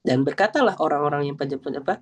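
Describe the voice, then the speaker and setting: A man giving a casual Islamic study talk. He recites Arabic verses slowly, then explains them in an animated way, acting out quoted voices and often adding a tag to the end of his sentences. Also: a little high. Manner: animated, acts out quoted voices, frequent laughs and "gitu kan ya" tags. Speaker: religious study speaker.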